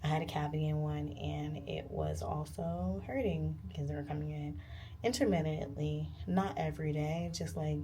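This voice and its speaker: A woman's voice: deep voice, steady tone, moderate pace, mellow, a little hiss or hum. A woman chatting casually to camera as a vlogger, candid, informal and slangy.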